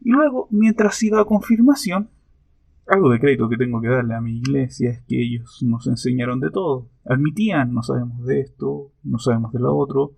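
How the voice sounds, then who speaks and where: A man answering interview questions in a thoughtful, reflective way, with hesitant pauses. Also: mid-range voice, gravelly, darkish tone, no echo. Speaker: interview guest.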